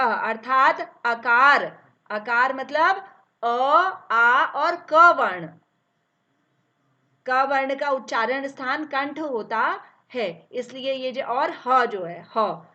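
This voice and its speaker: Slow, bright-voiced woman teacher, lo-fi. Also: fairly high pitch. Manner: explains step by step, asks and answers own questions; drawn-out, slow sounding of each letter. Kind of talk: classroom grammar lesson. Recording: dull, lo-fi recording.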